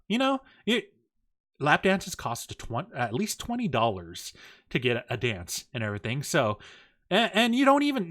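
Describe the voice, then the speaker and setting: Man, casual chat, animated storytelling, profane, lively pitch swings, bright tone, a bit high. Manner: animated, profane, acts out quotes. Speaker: podcast host.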